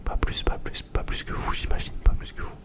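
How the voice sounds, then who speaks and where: Young guy doing asmr, whispering super close right in your ear, just casually chatting. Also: a little fast. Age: young adult. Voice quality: breathy whisper. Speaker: ASMR video host. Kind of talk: ASMR, informal question-and-answer chat. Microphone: very close to the microphone.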